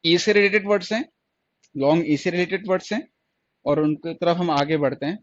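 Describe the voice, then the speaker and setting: Fairly high-pitched and brisk, this man's voice comes through with no room sound and the highs cut off. Teaching stenography online, he repeats every point and asks questions only to answer them himself.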